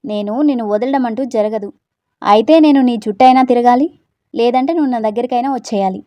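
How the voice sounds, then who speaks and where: A cocky young rowdy with a teasing, self-assured swagger, as a woman storyteller puts him on. The voice is warm and mellow and sits a little high. It is recorded close and dry, with no room sound. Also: fast, no echo, natural voice. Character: cocky young man, bold brash romantic rowdy.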